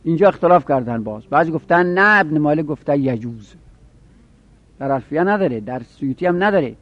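A man's voice: a little high, expressive, no room sound. Man teaching grammar, lo-fi recording. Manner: explanatory, repeats example phrases slowly. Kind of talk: seminary grammar lesson. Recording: dull lo-fi recording.

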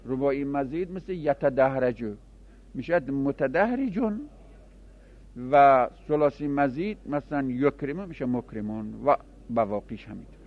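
A man's voice: medium pitch, animated. A man teaching a classroom grammar lesson, explaining step by step and answering his own questions. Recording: dull lo-fi recording.

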